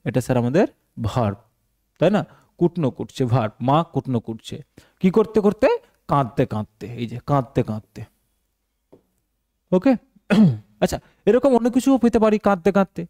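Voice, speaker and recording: A man's voice: on the high side, very animated, normal speed, long pauses, dark tone. A male teacher, explaining a translation lesson step by step and posing questions to the class that he answers himself. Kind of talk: translation lesson for exam students.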